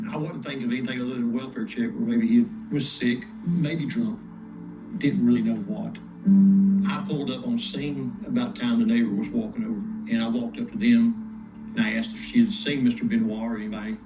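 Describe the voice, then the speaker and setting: Plain-spoken man, ex-lieutenant giving an interview; muffled sound, heavy music bed. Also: medium pitch. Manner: plain, matter-of-fact. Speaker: retired sheriff's lieutenant. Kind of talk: interview recollection. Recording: dull audio under loud music.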